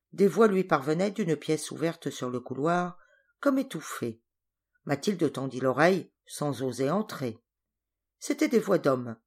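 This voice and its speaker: A woman narrating a story for an audiobook in a measured, clear reading voice. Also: low-pitched. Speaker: audiobook reader. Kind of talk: scripted narration.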